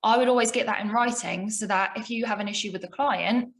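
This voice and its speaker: A woman's voice: medium pitch, fairly quick, low-quality recording. Emphatic woman podcast co-host. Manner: emphatic, indignant storytelling. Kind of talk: casual business podcast chat.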